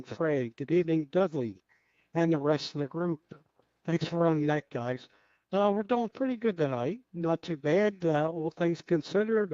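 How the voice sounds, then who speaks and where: A man checking in on an amateur radio net in a relaxed, casual way with many fillers, heard over a ham radio link. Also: on the high side, no echo. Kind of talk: casual on-air radio chat. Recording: lo-fi radio transmission, dull.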